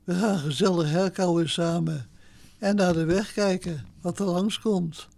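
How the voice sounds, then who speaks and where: A woman's voice: lowish voice, fairly even intonation, measured pace, gravelly, darkish tone, no room sound. A woman voicing a worried, bossy female cow in a children's story, speaking in a raised, exclaiming way. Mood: soothing.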